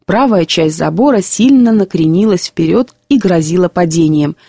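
Dark-voiced woman reading a story. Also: fairly low pitch, moderate pace, husky, dry recording, studio quality. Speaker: narrator. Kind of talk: storybook reading of classic prose.

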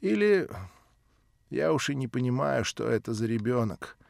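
A man voicing a grieving old man who pleads slowly and softly. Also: mid-range voice, sing-song, gravelly, no room sound. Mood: sorrowful.

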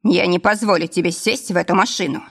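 A woman's voice: fairly low pitch, fast, gravelly, a bit bright. A woman reading an audiobook voices a stern former police officer who speaks firmly and curtly. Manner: firm, commanding, curt.

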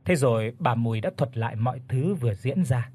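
A man narrates a ghost story for an audiobook. His husky, breathy voice sits at an ordinary middle pitch. He tells it at a steady storytelling pace. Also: a little fast, no echo.

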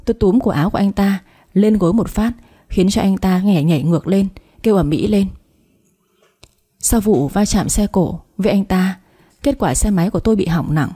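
Warm, husky woman telling a story. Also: medium pitch, normal speed. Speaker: narrator. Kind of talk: first-person story narration.

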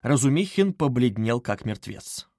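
An audiobook narrator reads a novel aloud from a script, with measured, even storytelling. His mid-range voice is captured in clean studio sound with no echo.

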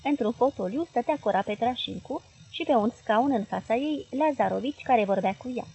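A woman narrating a literary novel as an audiobook reader, in a measured, expressive way with a husky voice. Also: fairly high pitch, poor audio.

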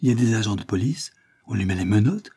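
A man voicing a vain, showy young woman in an audiobook reading, gossiping with excited exclamations. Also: lowish voice, quick pace, breathy edge.

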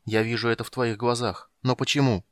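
A man's voice: medium pitch, steady tone, brisk, a bit bright, no echo, lightly acted. A man reading the part of a heartbroken young male elf, speaking in a breaking, pleading voice.

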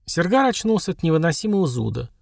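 Guy narrating an audiobook, calm storytelling, bit higher voice, dry sound. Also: vocal fry, no room sound. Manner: measured storytelling. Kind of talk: scripted narration.

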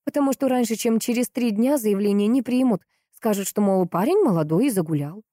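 A woman voicing an anxious young fiancée who speaks high and urgently. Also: lively intonation, brisk, warm tone, dry recording, clean studio sound, lightly acted.

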